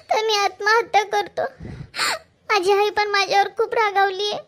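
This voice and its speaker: Very high pitched fretful young girlfriend, a woman voicing her, marathwada marathi accent, pleading fast, cartoon story. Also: a bit bright.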